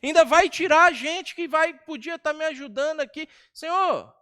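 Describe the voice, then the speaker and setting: A man's voice: very high-pitched, normal speed, sharp tone, voice pushed up. A man voicing an overworked, exasperated woman host who fires indignant questions at her guest.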